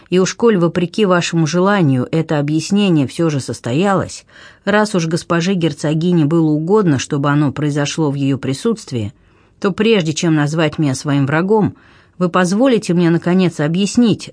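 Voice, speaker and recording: A man's voice: on the high side, darkish tone, no echo, clean studio sound, natural voice. A man reading an audiobook, voicing a bitter sea captain who pleads his case earnestly and insistently. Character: bitter middle-aged male sea captain.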